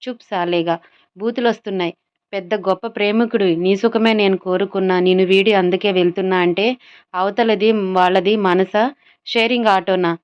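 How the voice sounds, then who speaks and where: A furious young man rants and hurls insults at his rival, breathless with rage, voiced by a woman narrator. The voice is smooth and resonant, on a dull lo-fi recording. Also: mid-range voice, steady tone, moderate pace, lightly acted.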